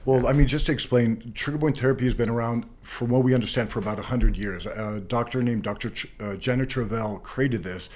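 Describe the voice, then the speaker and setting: A man's voice: medium pitch, fairly quick, hardly any pauses, a little mellow. A man talking as a massage therapist being interviewed, explaining things casually through examples and anecdotes.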